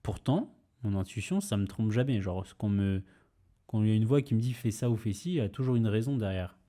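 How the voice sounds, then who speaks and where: A man's voice: on the low side, expressive, fairly quick, mellow. A young man hosting a podcast, telling a personal story casually, rambling with fillers, restarts and mild swearing. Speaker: podcast host.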